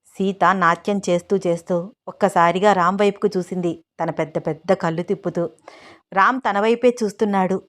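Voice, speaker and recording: A woman narrating a romance story in an expressive, dramatic way. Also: fairly low pitch, normal speed.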